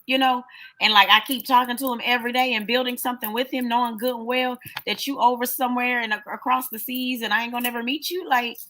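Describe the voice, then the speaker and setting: A woman with a slightly high voice talks through her views in a relaxed panel chat. She makes emphatic points and keeps asking pointed questions. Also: fast, slight background noise. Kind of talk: casual chat.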